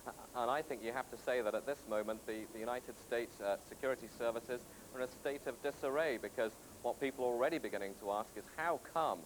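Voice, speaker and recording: British male correspondent, unscripted live analysis, careful and halting, faint background noise on a VHS recording. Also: mid-range voice. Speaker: news correspondent. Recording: slightly noisy VHS broadcast rip.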